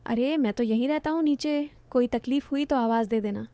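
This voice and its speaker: A teasing, protective young man in a romantic audio story, voiced by a woman narrator. The voice sits a little high and mellow, and it is recorded close and dry. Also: brisk, no echo, close to an everyday voice. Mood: playful.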